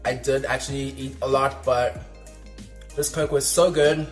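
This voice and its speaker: A young man chatting casually on his vlog, rambling with lots of fillers while he eats. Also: on the high side. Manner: talking while eating. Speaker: vlogger. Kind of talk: casual mukbang chat.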